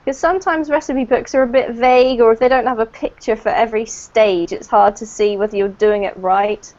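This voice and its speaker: A woman's voice: a little high, steady tone, fairly quick, darkish tone, muffled recording. A woman from the UK who lives in New Zealand, teaching an online English class in a friendly way and laughing often. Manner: friendly, laughs often, talks over students. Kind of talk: casual online class chat.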